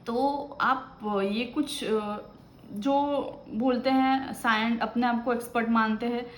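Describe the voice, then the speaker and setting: A woman's voice: fairly high pitch, steady tone, takes it slowly, fairly bright tone, reverberant, slight background noise. Chatty woman giving a tarot reading. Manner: chatty and advising, often tagging "ठीक है ना". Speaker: tarot reader. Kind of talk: casual spoken tarot reading.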